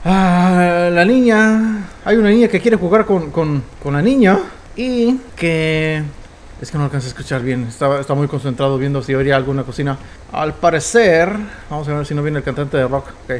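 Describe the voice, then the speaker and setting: Mexican guy streaming a horror game, kinda high voice, excitable, swears a lot, faint hiss. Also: moderate pace. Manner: excitable, swears freely, stammers when telling stories. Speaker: gamer. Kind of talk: casual let's play commentary.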